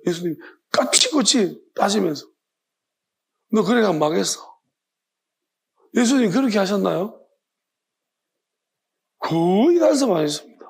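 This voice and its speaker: A man delivers an evening sermon as a pastor. His voice is gravelly and husky, and he presses his points with rhetorical questions, sometimes acting out the voices of imagined people. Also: extremely high pitch.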